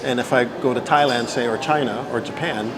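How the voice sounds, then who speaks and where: A Canadian man in his fifties answers interview questions at length as a guest, talkative and casual, often asking "right?" to check for agreement. His mid-range voice has fairly even intonation and a fairly quick pace, with a crowd audible behind him.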